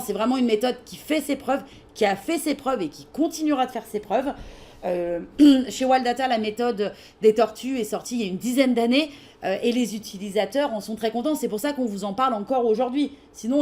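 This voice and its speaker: French woman, webinar presenter, fairly high voice, hesitant and casual, frequent fillers. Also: a little fast, darkish tone. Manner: casual and hesitant, many fillers, answers questions while reading them. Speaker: webinar presenter for trading software.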